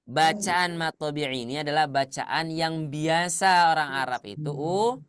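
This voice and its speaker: Man, Quran recitation teacher, tajwid lesson, smooth clear voice, dry sound, asks and confirms answers. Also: on the high side, fairly bright tone, dry recording. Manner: quizzes students, then repeats and confirms answers; chants Arabic verses slowly and drawn out.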